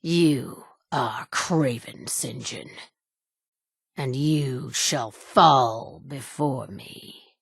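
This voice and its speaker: A woman's voice: a bass voice, extremely slow, creaky, husky, dry recording, studio quality, exaggerated voice. A woman voicing a theatrical masked vigilante hero who speaks in grandiose, solemn pronouncements. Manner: grandiose, declamatory. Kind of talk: video game dialogue.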